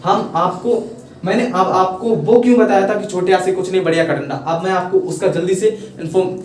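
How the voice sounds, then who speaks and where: A man with a fairly high voice gives a patient, step-by-step online lesson, circling back over each point and checking that his viewers keep up. He sounds a little away from the mic in an echoey room, with faint noise behind him. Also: fairly even intonation, brisk, distant mic. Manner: patient, repetitive explaining with rhetorical checks. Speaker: English teacher.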